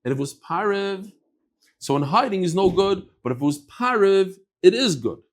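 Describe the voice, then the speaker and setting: In a daily Talmud class, a man with a high, expressive voice talks at a moderate pace. He weaves Aramaic and Hebrew words into English, takes up questions and resolves them himself, and dramatizes the text's speakers.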